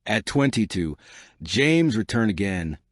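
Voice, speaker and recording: A man reading a scripted bedtime story as a measured, wise storyteller with dramatic pauses. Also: fairly low pitch, very animated, no room sound, clean studio sound.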